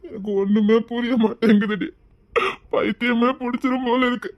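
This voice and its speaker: A man's voice: very high voice, steady tone, moderate pace, dull audio. A man with a Tirunelveli Tamil accent, playing a young husband who pleads and weeps over his beloved in an emotional melodrama. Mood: tearful. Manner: pleading, tearful, sobbing between lines. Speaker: husband in a web serial.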